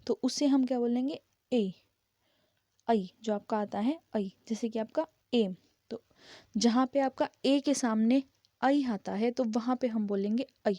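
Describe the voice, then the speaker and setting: A woman's voice: on the high side, warm tone, no echo, dull audio. A woman teaching English pronunciation, patiently spelling words out letter by letter and repeating them. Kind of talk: slow explanatory grammar lesson.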